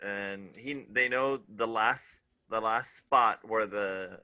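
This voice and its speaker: A man co-hosting a casual show review, talking in a relaxed way and trailing off mid-thought. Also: lowish voice, slow, a crowd in the background. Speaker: podcast co-host.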